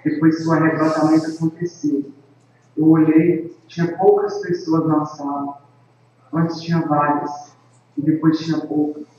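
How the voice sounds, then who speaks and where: An evangelist and worship leader gives an earnest testimony to a camera, speaking slowly and solemnly and leaning on each phrase. His somewhat high, dark voice stays level and sounds distant in a very echoey space. Captured on the camera's microphone, the audio is dull and lo-fi with faint room ambience.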